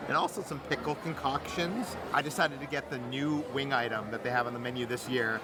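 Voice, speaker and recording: A man's voice: fairly high pitch, noisy background. A man doing an upbeat food review vlog at a theme park and rating dishes playfully. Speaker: food vlogger.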